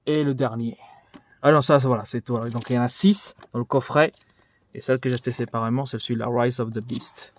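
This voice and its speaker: A man gives a relaxed tour of his collection for a vlog. He rambles and thinks out loud, with frequent fillers as he moves from shelf to shelf. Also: mid-range voice, fairly quick. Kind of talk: casual room tour vlog. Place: indoors in a collection room.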